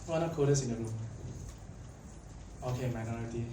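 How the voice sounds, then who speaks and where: A young Malaysian man speaks at a medium pitch and a slightly fast clip, giving a casual talk at a tech conference. He's chatty and full of fillers, often putting questions to the audience. Recorded in an echoey conference hall with a distant mic and faint background noise.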